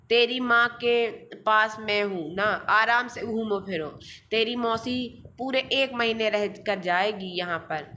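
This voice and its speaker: A woman's voice: fairly high pitch, pushed and bright, slight background noise. A woman voicing a blunt, bossy older aunt in a storybook reading, firm and outspoken. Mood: stern.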